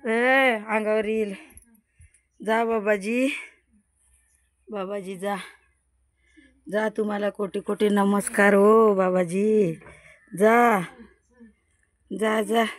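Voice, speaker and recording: A woman's voice: medium pitch, steady tone, drawn-out words, long pauses, no echo. A woman, filming outdoors on a phone and talking to a snake with pleading, repetitive commentary. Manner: pleading, repeats words, talks to the snake. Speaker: vlogger. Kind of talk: excited live commentary while filming a snake.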